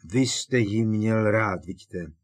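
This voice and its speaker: A man voicing a teenage boy wizard in an audiobook, speaking quietly, earnestly and relentlessly. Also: on the low side, no room sound, lightly acted. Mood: pressing.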